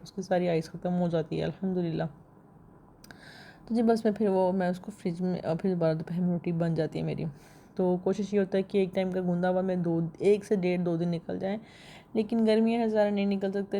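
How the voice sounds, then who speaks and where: Woman, thirties, homely chatty vlog talk, mellow lowish voice, faint room ambience. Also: slight background noise. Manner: chatty, homely, many fillers like "to ji". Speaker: home vlogger. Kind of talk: casual daily-life vlog narration.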